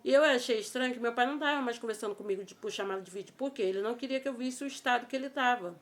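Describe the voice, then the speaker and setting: Brazilian woman vlogger, higher-pitched voice, emotional and halting, repeats herself. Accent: Brazilian Portuguese. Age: adult with a child. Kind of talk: personal storytelling vlog.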